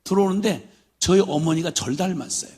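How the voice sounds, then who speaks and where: Raspy high-voiced older Korean preacher. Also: male voice, a little fast. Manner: storytelling with humor, acting out his father's drunken shouts. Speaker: missionary preacher. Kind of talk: sermon.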